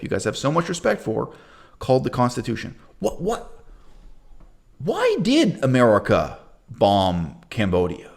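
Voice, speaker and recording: On his own channel, a man with a medium-pitched voice and vocal fry gives an emphatic, opinionated talk about history. He alternates loud bursts with quieter asides.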